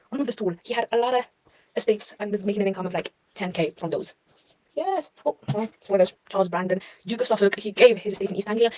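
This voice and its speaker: Talking through history revision notes, this young woman sounds medium-pitched, a little mellow and slightly rough, over poor audio. She chats casually, pokes fun at herself with wry comments and keeps trailing off and correcting herself.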